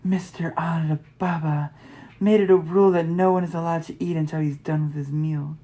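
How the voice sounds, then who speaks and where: A woman's voice: low-pitched, little pitch movement, fast, warm tone, lightly acted. A woman voicing a deferential, composed male household servant in a story game, speaking formally. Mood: subdued, deferential.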